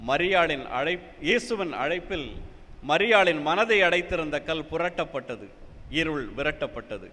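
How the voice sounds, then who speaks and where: A man's voice: fairly high pitch, expressive, moderate pace, bright, forceful tone. A man giving a dramatic poetry recitation with emphatic, declamatory bursts in a church hall. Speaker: poet reciting at a poetry event.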